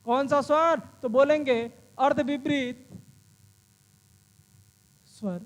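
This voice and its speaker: A man's voice: very high voice, big-room sound. A male teacher giving an exam-prep lesson, asking the class questions and answering them himself, and calling the students friends.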